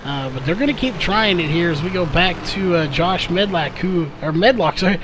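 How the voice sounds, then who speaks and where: This high-pitched male race commentator speaks at a moderate pace with lively intonation, while noise fills the background. His live play-by-play is packed with fillers and self-corrections, and his voice is a little worn and starting to go.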